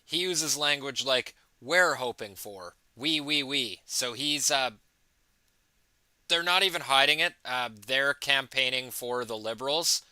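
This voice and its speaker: A man's voice: medium pitch, unhurried, bright, forceful tone, clean tone, no echo. A man hosting a casual live election commentary stream, rambling with fillers and reading out viewer comments. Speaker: livestream host.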